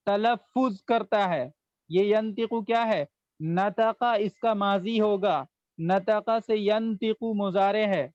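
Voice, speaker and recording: A man with a fairly high voice gives an online language lesson at a slow, patient pace. He breaks each phrase into single words and repeats every translation. The sound is dry and dull, close to the mic. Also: darkish tone, no echo. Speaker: Arabic teacher.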